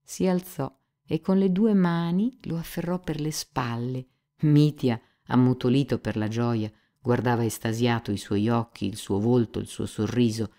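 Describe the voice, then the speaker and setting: Low, gravelly woman narrating a novel. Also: fairly even intonation, normal speed, dark tone. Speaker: audiobook narrator. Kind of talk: literary audiobook narration.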